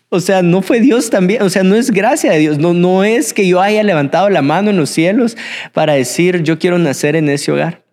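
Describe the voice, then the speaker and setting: Animated young preacher, high voice. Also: male voice, normal speed. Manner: animated, shifts between excited and hushed. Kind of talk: sermon. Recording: hall with long reverb.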